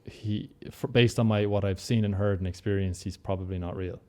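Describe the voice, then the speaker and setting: Low-voiced west of Ireland man, chatting. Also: steady tone, a little fast, darkish tone. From Galway, west of Ireland. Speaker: interview guest. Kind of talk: casual conversational interview.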